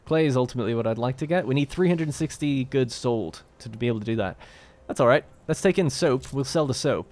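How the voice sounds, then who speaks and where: A man's voice: medium pitch, lively intonation, quick pace, few pauses, darkish tone. A man hosting a let's play, talking casually and thinking aloud as he plays a strategy game. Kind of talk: gameplay commentary.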